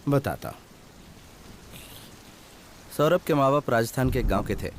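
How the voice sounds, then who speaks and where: A man's voice: medium pitch, expressive, measured pace, a little hiss or hum. An actor dubbing a sly young man who spins a tale and teases his uncle. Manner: teasing, storytelling, sly comic tone. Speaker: lead character in a dubbed film. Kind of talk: Hindi film dub acting.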